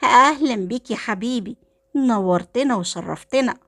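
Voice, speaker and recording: A woman's voice: mid-range voice, a little fast, dry recording, clean studio sound, lightly acted. A woman voicing a fussy middle-aged mother with an Egyptian accent, sweet-talking and watchful. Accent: Egyptian Arabic. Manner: sweet-talking, then suspicious.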